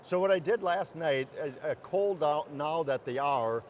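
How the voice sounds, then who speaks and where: A man's voice: a little high, unhurried, a little mellow, a little hiss or hum. A man from Wisconsin hosting a cooking show in a big indoor station hall, chatty and eager, often stumbling over repeated words.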